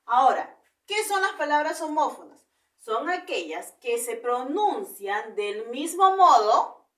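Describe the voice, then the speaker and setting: A woman's voice: sits high, a bit bright, echoey room, far from the mic. A woman teaching a primary school language lesson in Peruvian Spanish, explaining step by step and checking in with rhetorical questions.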